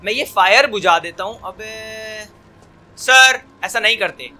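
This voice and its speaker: A young man giving casual, jokey let's-play commentary, excitable and talking back at the game. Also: sits high, slow pace, faint music behind. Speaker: gaming commentator.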